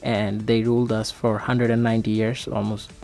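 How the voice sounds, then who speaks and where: Man, measured explainer, flat delivery, faint music bed. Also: on the low side, creaky. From Bangladesh. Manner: measured, explanatory, many fillers. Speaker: radio guest. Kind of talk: casual explanation.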